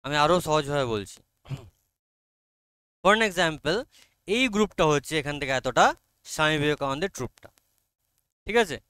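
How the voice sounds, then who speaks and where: Bengali accent guy teaching online, keeps asking if u got it, crisp voice, a bit high. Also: pushed and bright, dry recording. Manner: coaxing, repeatedly checks understanding, reads English lines very slowly. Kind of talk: online class explaining an English text.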